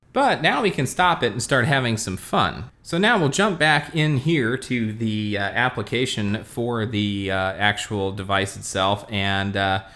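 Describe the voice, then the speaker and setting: A man hosting a casual tech product review, talking through a demo in a relaxed way with many fillers. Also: lowish voice. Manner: relaxed, lots of fillers, talks while demonstrating.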